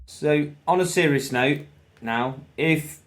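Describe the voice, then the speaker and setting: A man's voice: a little high, slow pace. A British man co-hosting a podcast in casual, blokey banter with some swearing. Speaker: podcast co-host.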